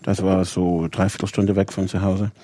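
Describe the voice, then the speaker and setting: Sitting low in pitch with a dark tone and flat delivery, this man talks at a moderate pace, with no echo in the recording. He's a 59-year-old English rabbi from Bradford, Yorkshire, giving an interview and telling his story in detail, occasionally hunting for the right word.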